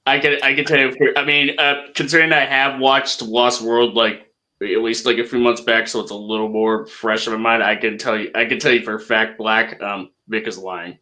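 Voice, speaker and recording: A man joining a casual panel podcast, teasing and asking questions. His voice is bright and sharp. He restarts his sentences often. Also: medium pitch, little pitch movement, normal speed.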